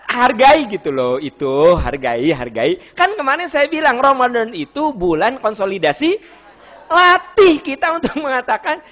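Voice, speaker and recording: A middle-aged man preaching with a Sundanese accent, teasing his listeners and acting out little family scenes, then dropping to a soft gentle tone for advice. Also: very high-pitched, wildly swooping pitch, normal speed. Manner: playful, teasing, acts out wife and husband in quoted voices. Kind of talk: lively sermon to a congregation.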